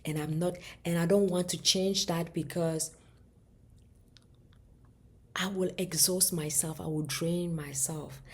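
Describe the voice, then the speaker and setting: A woman vlogger talking earnestly and thoughtfully about relationships, often restarting her phrases and sinking to soft near-whispers. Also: on the low side, steady tone, slow pace, long pauses, husky. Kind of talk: reflective personal talk to camera.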